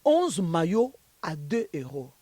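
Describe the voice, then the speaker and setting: A woman's voice: on the low side, very animated, takes it slowly, mellow, slightly rough, no echo. A woman pastor being interviewed, preaching and telling stories with emphasis. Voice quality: emphatic, storytelling.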